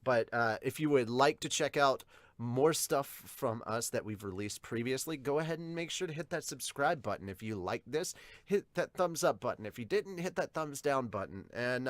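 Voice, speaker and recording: A man co-hosting an anime and manga fan podcast talks to viewers in a casual, blunt, rambling way, sometimes swearing. His voice is medium-pitched with a fairly bright tone, and there's no room sound.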